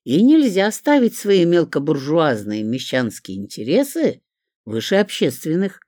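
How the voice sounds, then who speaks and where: A stately older gentleman voiced by an audiobook reader speaks in a measured, sedate manner, gently lecturing. The recording is dry and close, with lively pitch movement. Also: no echo. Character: stately older man, newspaper chief editor, neighbour.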